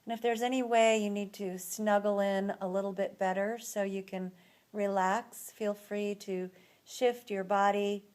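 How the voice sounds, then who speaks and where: Speaking as a relaxation instructor, a woman talks in a calm, leisurely way and leaves long gaps between phrases. Her pitch sits in the middle, her intonation stays fairly even, and her tone leans dark.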